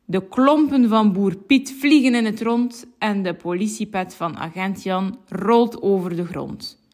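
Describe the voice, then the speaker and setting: A woman reading a children's story aloud, gently and clearly, as if to a child. Her pace is very slow and unhurried, with a mid-range pitch.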